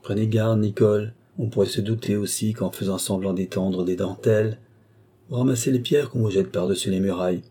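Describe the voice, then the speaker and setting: A man reading aloud and voicing a young male servant who replies calmly and coldly. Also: low voice, brisk, breathy edge. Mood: coldly defiant. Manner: calm, cold replies.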